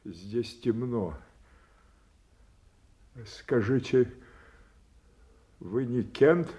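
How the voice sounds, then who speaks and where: An actor playing a frail, confused old king stricken with grief, speaking haltingly with long pauses in classical stage style. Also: medium pitch, expressive, warm tone. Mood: dazed, weary. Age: older. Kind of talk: classical theatrical audio drama acting.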